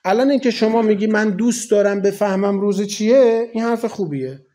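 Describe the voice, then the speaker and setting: An Iranian cleric in his forties gives a colloquial, conversational sermon packed with rhetorical questions. His voice is high-pitched and mellow.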